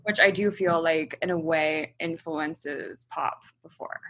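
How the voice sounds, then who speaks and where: Speaking slowly in a low voice, this woman in her thirties, a musician who grew up in Hong Kong, eases through interview answers, musing aloud with frequent ums and likes.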